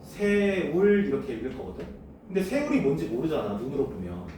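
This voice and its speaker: Guy teaching a class, lively up and down voice, sounds far off in a boomy room. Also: fairly quick, heavy reverb, a little hiss or hum. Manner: asks students questions and answers them himself. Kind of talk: classroom lecture.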